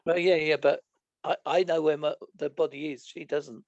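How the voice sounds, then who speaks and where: A man's voice: fairly high pitch, steady tone, normal speed, dry recording, muffled recording. A British man chatting as a podcast guest, joking and sarcastic. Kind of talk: casual chat.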